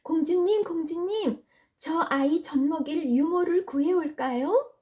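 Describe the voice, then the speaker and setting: A woman's voice: very high-pitched, unhurried, a little mellow. A woman voicing an eager, anxious young girl who calls out urgently in a children's story. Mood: polite eagerness. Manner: urgent, calling out, pleading. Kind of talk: acted children's Bible storytelling.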